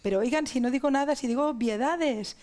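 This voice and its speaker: A woman's voice: sits high, brisk, a little mellow. A middle-aged woman from Spain with a Spanish accent, a guest in a TV interview, talking emphatically in long chains of ideas.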